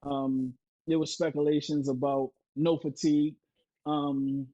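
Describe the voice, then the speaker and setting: A man's voice: on the high side, flat delivery, unhurried, dark tone, highs cut off. A man co-hosting a gaming podcast, rambling and circling back with fillers. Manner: rambling, many fillers and restarts. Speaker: podcast co-host. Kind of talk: casual chat.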